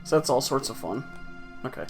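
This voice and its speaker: A man's voice: mid-range voice, lively intonation, a little fast, soft background music. A man casually commenting on his own gameplay with wry, offhand, sarcastic asides. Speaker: let's play host.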